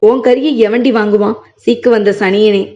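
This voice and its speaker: A woman's voice: medium pitch, steady tone, moderate pace, dark tone, natural voice. A woman reading as an angry older butcher. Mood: gruff, scolding. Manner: gruff, scolding, bitter. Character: angry older village goat butcher, a man. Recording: muffled lo-fi recording.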